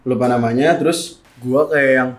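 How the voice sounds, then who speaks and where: A man's voice: mid-range voice, steady tone, moderate pace, roomy sound. A young man with telling a story casually, repeating phrases and acting out quoted lines. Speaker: guest.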